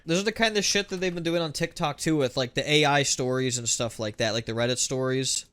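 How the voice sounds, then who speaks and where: A man's voice: mid-range voice, brisk, fairly bright tone, smooth. A man co-hosting a podcast, talking casually with dismay and frequent agreement. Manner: dismayed, agreeing, says dude and like. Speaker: podcast co-host. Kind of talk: casual chat.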